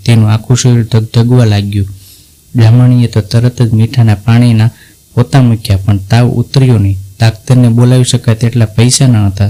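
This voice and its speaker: A man reads a devotional folk story aloud, keeping his delivery level and unhurried. His voice sits in a mellow, darkish register and barely rises or falls, so the story moves along in one steady line. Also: mid-range voice, rough recording. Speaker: narrator. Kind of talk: scripted devotional story narration.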